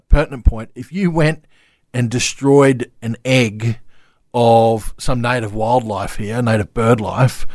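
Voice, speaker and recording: A man's voice: mid-range voice, darkish tone, no echo, studio quality. A man with an Australian accent giving conversational commentary as a radio co-host.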